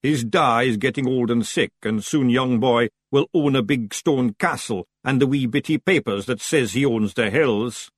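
A man's voice: medium pitch, moderate pace, few pauses, breathy edge, no room sound, clean studio sound, voice pushed up, natural voice. Man doing blunt Scottish Feegle Big Yan. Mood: grim. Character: Big Yan, plain-spoken, grumbling big male Feegle.

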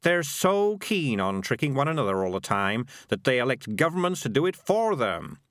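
In a storybook reading, a man voices a cynical, bossy talking animal schemer who lectures in a wheedling, condescending manner, sounding exasperated. His mid-range voice is fairly bright and pushed up, with big pitch swings at a moderate pace, recorded clean in a studio with no room sound.

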